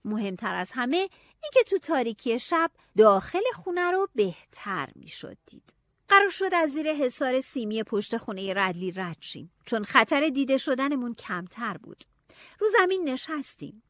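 A woman narrating a novel in the first person, telling it in a lively, expressive way. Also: fairly high pitch, dry recording. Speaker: audiobook narrator.

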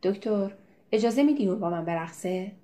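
A woman reading aloud voices a cheeky, tipsy young male villager who talks loudly in a teasing, colloquial way. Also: medium pitch, animated, close to an everyday voice.

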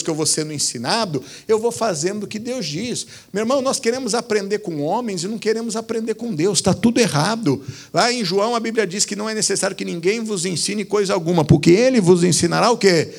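A man preaching a sermon, exhorting his listeners with rhetorical questions and calling them brother. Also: sits high.

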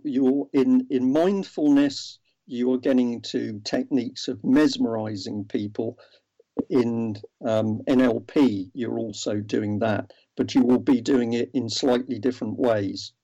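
Guy explaining stuff earnestly, lots of ums, mellow voice, muffled lo-fi audio. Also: mid-range voice, fairly even intonation, slow pace. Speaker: guest. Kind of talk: interview over a remote line. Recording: dull lo-fi audio.

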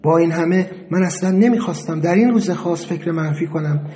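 Man, first-person audiobook narrator, high-ish voice, steady, reflective. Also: a little hiss or hum.

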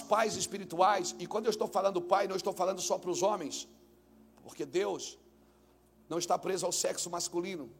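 A male senior pastor preaching a sermon, swinging from calm teaching into shouted, sung cadences. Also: sits high, vocal fry, slight background noise.

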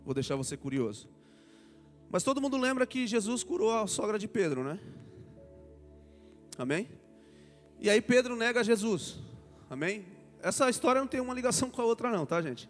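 A man preaches a sermon in a fairly high voice. He swings from loud proclamation to soft, joking asides. The sound rings with long hall reverb over faint music. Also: sing-song, moderate pace, pauses often.

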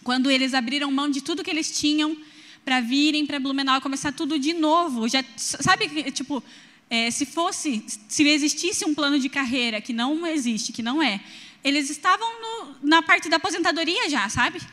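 A young Brazilian woman preaching, telling personal stories in an animated way and speaking straight to the congregation. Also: high voice, normal speed, long reverb tail. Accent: Brazilian Portuguese. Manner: animated storytelling, addresses the congregation directly.

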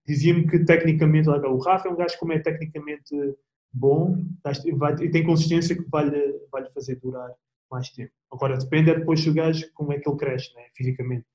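A young man with a European Portuguese accent, chatting as an interview guest in a relaxed, slangy way with plenty of restarts. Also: a little high, brisk, reverberant, muffled recording. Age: young adult. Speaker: guest athlete. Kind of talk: casual interview chat.

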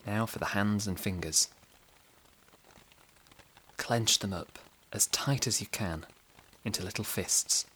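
A man guiding a relaxation exercise and narrating a sleep story in a slow, soft, soothing way. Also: lowish voice, slight background noise, low-quality recording.

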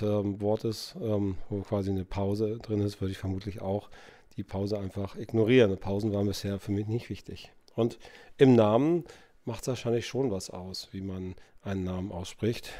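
A man talks through his thoughts on a solo podcast, pausing often and filling gaps with hesitant sounds. His voice sits fairly low and has a dark, mellow tone. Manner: musing, many fillers and hesitations. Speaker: podcast host. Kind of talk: reflective solo podcast talk.

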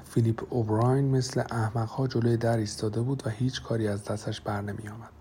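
A man narrating an audiobook in a measured, dramatic storytelling manner. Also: mid-range voice, little pitch movement, mellow, slight background noise.

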